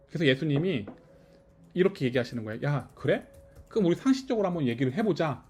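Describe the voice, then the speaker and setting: Lively male pastor, chatty small-church sermon. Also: medium pitch, breathy edge. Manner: keeps checking with listeners, asking if they follow. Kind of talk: conversational sermon. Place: small house-church service.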